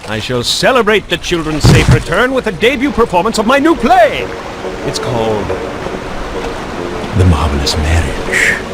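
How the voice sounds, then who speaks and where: An actor playing a scheming, greedy villainous count in a video game, with an oily, hammy, grandiose delivery. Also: male voice, on the high side, wildly swooping pitch, moderate pace, heavy background noise. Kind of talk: video game character acting. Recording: loud music behind the voice.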